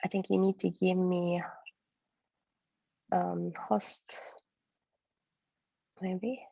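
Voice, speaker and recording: A woman's voice: lowish voice, little pitch movement, very slow, gravelly, warm tone, no echo. A woman from Turkey presenting her business on a video call, hesitant with many fillers. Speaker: guest speaker, agency founder. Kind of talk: online presentation with slides. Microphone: video call microphone. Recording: dull dry video call audio.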